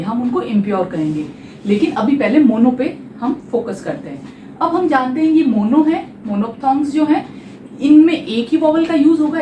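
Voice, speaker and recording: A woman's voice: sits high, a little mellow, slight background noise. A woman teaching a phonetics lesson for exam preparation, explaining step by step and asking her students rhetorical questions. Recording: echoey room, voice a little far from the mic.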